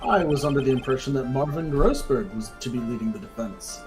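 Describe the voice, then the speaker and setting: Older male judge, stern and doubtful, animated delivery; man voicing in his own voice. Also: mid-range voice, music in the background, close to an everyday voice. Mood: questioning. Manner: unhurried, questioning, his own plain voice.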